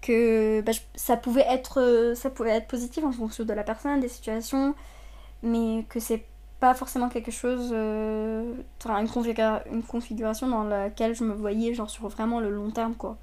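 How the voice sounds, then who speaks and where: A woman's voice: on the high side, little pitch movement, normal speed, warm tone. A woman in her twenties who grew up in Saudi Arabia, speaking hesitantly with many fillers and restarts in a personal testimony. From Saudi Arabia, of Lebanese parents. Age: 20s. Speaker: interviewee.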